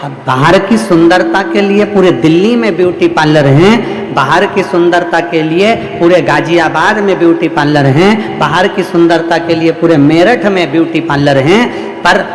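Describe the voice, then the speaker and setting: High-voiced preacher man, echoey hall. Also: moderate pace. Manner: repetitive, rhythmic, emphatic preaching. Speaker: preacher telling a religious discourse. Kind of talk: devotional sermon to a large gathering. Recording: echoey hall with long reverb.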